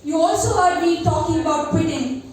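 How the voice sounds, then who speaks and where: High-pitched teenage girl poet, very echoey room. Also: normal speed, darkish tone. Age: teenager, seventeen. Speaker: amateur poet at a first open mic. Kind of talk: spoken-word poetry recital with personal introduction. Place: live open mic venue, recorded from a distance. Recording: very echoey room, distant mic, faint noise.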